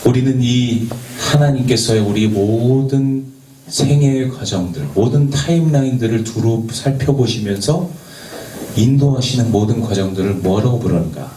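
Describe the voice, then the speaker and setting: Youth pastor preaching in an echoey room. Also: male voice, mid-range voice, normal speed, mellow. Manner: earnest preaching with rhetorical questions to the youth; stumbles over words and jokes about it. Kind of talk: sermon. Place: church worship space. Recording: echoey, from a distance, faint background noise.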